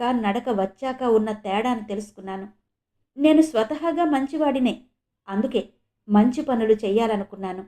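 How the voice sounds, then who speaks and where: A woman's voice: fairly high pitch, a little mellow, natural voice. A woman voicing a proud man who has regained his ability to walk, speaking in an earnest, reflective way.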